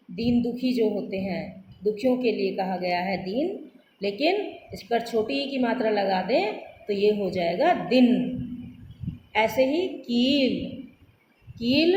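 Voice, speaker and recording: A woman with a fairly high voice leads a Hindi spelling lesson for small children. She takes it very slowly and sounds out every word letter by letter. Her voice echoes around the room, with a faint hiss underneath. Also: darkish tone. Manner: spells words letter by letter, drawn out. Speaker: primary school Hindi teacher.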